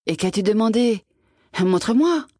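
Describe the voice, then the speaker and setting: Woman playing a shrill, greedy old wife. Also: expressive, unhurried, warm tone, dry recording, clean studio sound. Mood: scolding. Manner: shrill and demanding.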